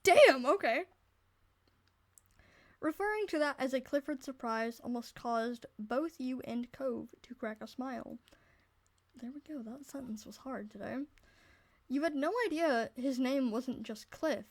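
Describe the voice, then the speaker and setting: A woman's voice: sits high, moderate pace. A woman reading a visual novel aloud, stumbling over words and breaking off to joke and swear. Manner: reads aloud with many restarts, breaks off to comment and swear. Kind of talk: casual let's-play narration and chat.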